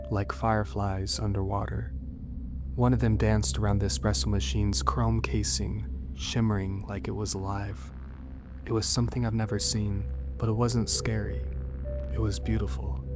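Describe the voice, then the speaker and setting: A man narrates a horror story in the first person with a low voice. His delivery is measured and dramatic, and music plays clearly beneath him. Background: music under the voice.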